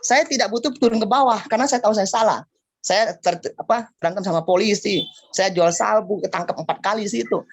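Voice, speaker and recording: A man giving a spoken personal testimony at a church fellowship meeting over a video call. He tells his story emphatically, asks listeners rhetorical questions, and drops into a lower voice when he quotes people. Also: fairly quick. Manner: acts out quoted speech in a lower voice.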